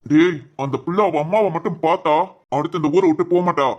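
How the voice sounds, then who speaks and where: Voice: medium pitch, fast talker, lightly acted. A voice actor playing a stern, scheming male village head in a cartoon drama who barks orders. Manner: commanding, barking orders.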